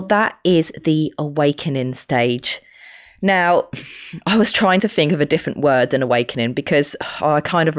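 A woman with a London accent hosts a podcast in a froggy, congested voice, croaky from a cold, explaining things conversationally. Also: low voice. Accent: London English. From West London, England. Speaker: podcast host and spiritual medium.

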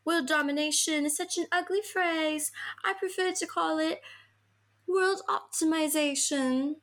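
A woman reading aloud and voicing a smug know-it-all boy wizard in a mock-grand, drawn-out way. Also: high voice, a bit bright, pitched above the performer's own voice.

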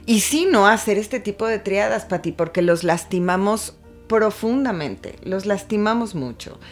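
A middle-aged woman appears as a guest, chatting casually in an unhurried, mid-range voice and telling stories in an animated way, acting out the quotes. Faint music plays behind her.

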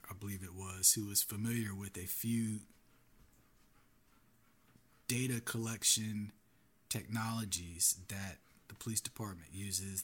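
Husky low-voiced male podcast host. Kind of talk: solo podcast commentary.

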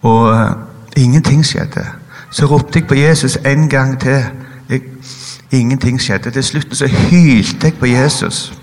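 A man telling a personal faith testimony in a halting, hesitant way, pausing often with fillers. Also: mid-range voice, long reverb tail. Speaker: guest giving a personal testimony. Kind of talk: emotional spoken testimony.

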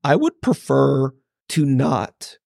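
A man's voice: medium pitch, big pitch swings, slow, vocal fry, a little mellow, dry recording, clean studio sound. Wry storytelling pastor, man. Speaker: church podcast co-host, pastor. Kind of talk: casual conversation.

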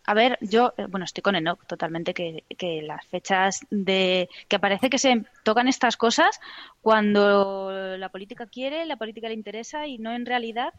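A woman's voice: medium pitch, normal speed, no echo, highs cut off. A woman from La Mancha, a guest on a podcast, talking casually and a little hesitantly. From Almagro, Ciudad Real, Spain. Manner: hesitant, chatty with laughs.

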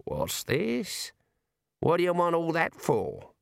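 A man's voice: a little high, huge pitch swings, slow pace, vocal fry, no room sound, studio quality, voice pushed up, full character voice. A man voicing a blunt, suspicious male sheep shearer who drawls. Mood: gruff.

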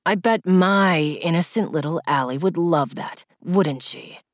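A woman voicing a cocky, dominant young man in an audiobook, speaking in a low murmur. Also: unhurried, no room sound, studio quality, close to an everyday voice. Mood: husky, commanding.

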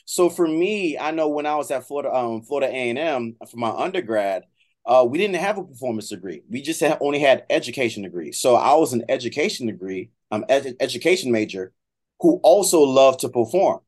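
Here the Miami trombone professor, a middle-aged American, sounds brisk and expressive, his medium-pitched voice carrying a darkish tone. As an interview guest he keeps things conversational, frequently rephrasing and repeating his points.

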